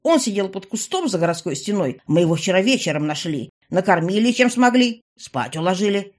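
A woman's voice: mid-range voice, sing-song, brisk. A woman voicing a big, practical man in an audiobook, speaking in a matter-of-fact way. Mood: flustered. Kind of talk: audiobook character voice.

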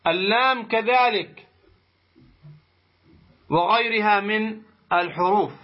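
A man teaching a tajweed lesson, explaining slowly and deliberately, pausing to pose rhetorical questions to his students. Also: sits high. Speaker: Quran recitation teacher. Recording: muffled lo-fi recording.

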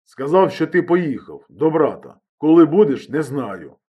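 A man's voice: fairly high pitch, very animated, unhurried, husky, dull audio, full character voice. A man voicing an agitated, injured man who talks bluntly and urgently on the phone, in an audiobook reading.

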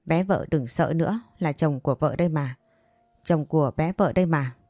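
A woman's voice: sits low, normal speed, mellow, no room sound, studio quality. A woman reading a doting, possessive older lover. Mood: tender. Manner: tender, coaxing, bossy.

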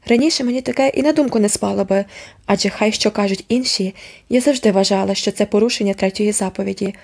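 A woman's voice: mid-range voice, fast, creaky, a little mellow. A woman reading the part of a stubborn older housekeeper, speaking firmly and emphatically in a storybook reading. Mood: resolute. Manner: firm, emphatic.

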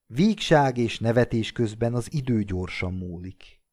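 A man from Hungary reading a literary story aloud in a measured, expressive way. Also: mid-range voice. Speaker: audiobook reader. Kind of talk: scripted literary narration.

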